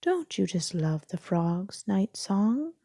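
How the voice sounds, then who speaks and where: Knowing owl for a storybook , female reader: friendly, calm, explanatory, creaky and unhurried. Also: medium pitch, no echo, studio quality, heavily acted. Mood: reassuring. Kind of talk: storybook read-aloud.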